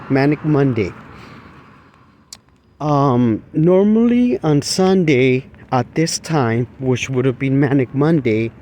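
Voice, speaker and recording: Vlogger, male, slow unhurried delivery, rambling walk-and-talk outdoors, passing traffic behind. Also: fairly high pitch, a little mellow. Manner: rambling, halting, with many fillers and restarts. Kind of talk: walking vlog, casual rambling talk. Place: outdoors, walking along a street.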